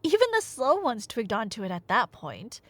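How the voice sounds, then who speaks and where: This dry, close-miked ASMR clip features a woman whose somewhat high, slightly bright voice has huge pitch swings at a moderate pace. Playing a nerdy girlfriend, she eagerly retells Greek myths to a listener, playful and teasing, conversational yet dramatically emphatic.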